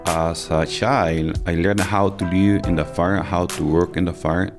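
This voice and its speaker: A man in his fifties from El Salvador with a Salvadoran Spanish accent, a native Spanish speaker, speaking haltingly and searching for words with many fillers and restarts in a personal interview. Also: low voice, fairly even intonation, over music. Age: 50s. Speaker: interview guest.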